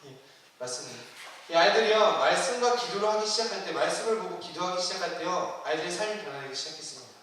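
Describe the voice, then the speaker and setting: A man's voice: high voice, animated, fast, a bit bright. A man preaching a sermon to his church in a conversational way, asking the congregation questions. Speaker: youth ministry preacher. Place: church sanctuary. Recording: roomy hall, distant mic.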